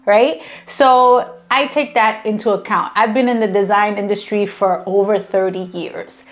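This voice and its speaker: A woman in her fifties hosting a craft tutorial in a casual, chatty way, gushing with enthusiasm and tossing in self-mocking asides. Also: mid-range voice.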